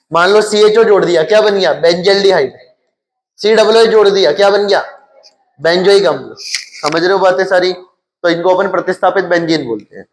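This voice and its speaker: A male chemistry teacher with a Hindi accent lecturing his class. He keeps asking questions and answers them himself, repeating the key terms. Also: sits high.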